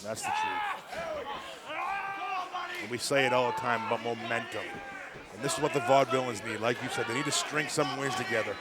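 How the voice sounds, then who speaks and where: A man's voice: mid-range voice, sing-song, fairly quick, long pauses. A man working as a colour commentator, reacting and bantering during wrestling commentary. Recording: loud crowd and noise behind. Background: noisy arena crowd.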